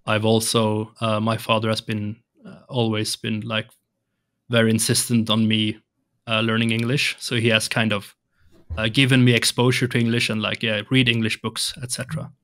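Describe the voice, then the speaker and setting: Fairly low in pitch and fairly bright, this young man's voice stays completely flat at a normal speed. He is a Swede whose first language is Swedish, guesting in English on a podcast for a casual interview chat, full of hesitations and restarts. The setting is a home room with shelves and colored lights, and he uses headphones and a large arm-mounted studio mic.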